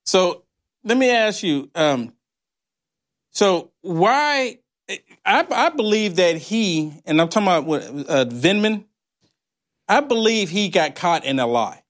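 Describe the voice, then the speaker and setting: A male talk radio host with a distinctly high-pitched voice. He speaks in an opinionated, conspiracy-minded way, sounding incredulous as he stacks up rhetorical questions. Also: big pitch swings, slow pace, a bit bright.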